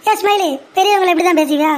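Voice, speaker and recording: A young performer as a fast-talking, harried son. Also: extremely high pitch. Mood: exasperated. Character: weary working son caught in the middle.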